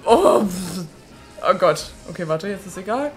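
A young woman hosting a let's play, chatting excitably with frequent swearing and sudden shrieks. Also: lowish voice, normal speed. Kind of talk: casual gameplay commentary. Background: faint game music.

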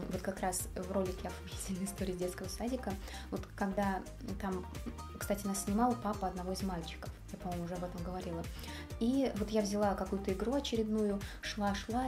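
A young woman talks casually to camera as a vlog host, telling stories in an indoor room. Her voice sits at an average female pitch. Music plays clearly behind her. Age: young adult. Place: furnished living room, indoors.

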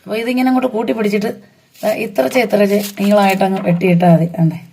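Hoarse homely woman cooking. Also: medium pitch, quick pace, dark tone, a little hiss or hum. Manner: chatty, homely explaining while working. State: hoarse from a blocked throat. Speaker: home cooking vlogger. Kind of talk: casual cooking vlog. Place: home garden and old dim kitchen.

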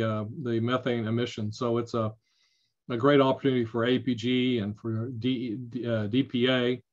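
Casual man on dull remote audio. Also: mid-range voice. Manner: casual, halting. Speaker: organizer giving welcome. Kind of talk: informal welcome remarks.

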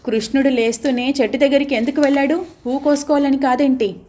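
A woman's voice: sits high, fairly even intonation, fast, darkish tone, voice pushed up, natural voice. A woman voicing a young boy who is stubborn, hurt and pleading in an audio novel. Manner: pleading, tearful.

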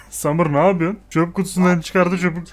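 A young man giving casual, excitable gameplay commentary, chatting to and scolding the game characters with playful swearing. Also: sits high, moderate pace, soft background music. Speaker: gamer.

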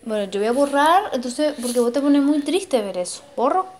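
A woman's voice: high-pitched, expressive, moderate pace. A woman with an Argentine Spanish accent speaking tenderly and soothingly as a mother to her young child in casual home conversation, using endearments. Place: indoors in a home room. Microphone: handheld phone, close by. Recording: noisy handheld phone video.

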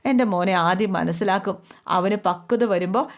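A woman narrator plays an older mother in a family serial, gentle and consoling. Her voice is soft and soothing, at an ordinary pitch. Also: moderate pace, natural voice.

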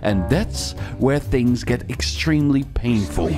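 A man narrating his own gameplay video with playful, animated storytelling and the odd swear. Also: medium pitch, takes it slowly. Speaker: gaming video creator. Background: background music.

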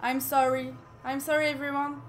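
A young French woman with a French accent, chatting excitedly while playing a game, laughing often and breaking into squeals and shouts. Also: high voice, normal speed, a little hiss or hum. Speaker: game streamer. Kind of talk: casual gameplay commentary.

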